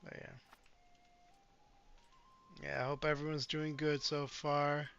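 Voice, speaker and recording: Bright, playful man chatting on stream. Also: a little high, completely flat delivery, slow, vocal fry, smooth. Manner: chatty and playful, joking with his girlfriend. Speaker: game streamer. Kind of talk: casual livestream chat while gaming. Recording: slightly dull sound with faint music behind.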